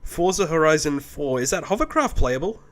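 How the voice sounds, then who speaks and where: A man's voice: fairly high pitch, very animated, moderate pace. Dry-witted man co-hosting a podcast. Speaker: podcast co-host. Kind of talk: casual chat.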